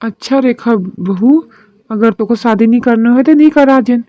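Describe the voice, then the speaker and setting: A woman's voice: a little high, normal speed, dry recording, highs cut off, lightly acted. A woman voicing a worried rural mother-in-law in a cartoon drama, talking in a homely village dialect. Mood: consoling.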